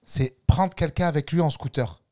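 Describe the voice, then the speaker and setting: A man's voice: fairly high pitch, moderate pace, darkish tone. Man, Toulouse accent, playful slang teacher in casual talk. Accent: Toulouse French. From Toulouse, France. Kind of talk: casual chat.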